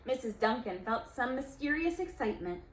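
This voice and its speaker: A woman reading a picture book aloud to young children, expressive and gentle, with friendly asides to her listeners. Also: fairly high pitch, a little fast, slight background noise, poor audio. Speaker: storyteller and teacher for young children.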